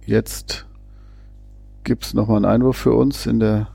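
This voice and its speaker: A man with a deeply gravelly, dark voice talks through a football match in a relaxed, chatty way. He hesitates and restarts often. His voice sits husky and close in a dry room. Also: a little slow, dry recording. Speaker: fan co-commentator. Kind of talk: casual football commentary.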